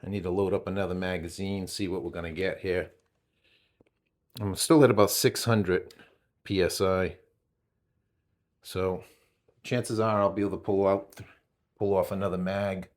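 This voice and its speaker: A man's voice: sits low, steady tone, normal speed, pauses often. A man with a New England accent, casually narrating a hands-on gear test, calling out readings with chatty, rambling asides. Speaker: channel host testing gear.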